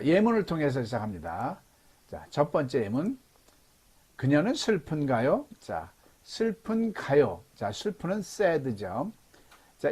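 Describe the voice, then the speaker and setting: Lively husky-voiced man teaching. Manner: explains step by step, lively pitch. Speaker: English teacher. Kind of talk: Zoom lecture. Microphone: video call.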